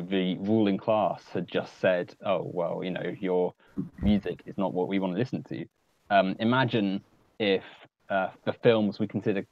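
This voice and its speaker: Low-voiced man ranting on a call. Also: a little mellow. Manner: rambling, earnest, many fillers. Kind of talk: casual political discussion. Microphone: home computer mic on a video call. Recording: dull lo-fi audio.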